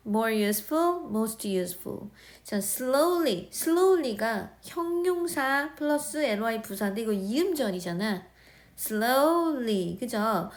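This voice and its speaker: A woman teaching English grammar in a recorded lesson, speaking with a Korean accent, explaining step by step and often checking that students follow. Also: fairly high pitch. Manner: slow, explaining, repeating words and checking understanding.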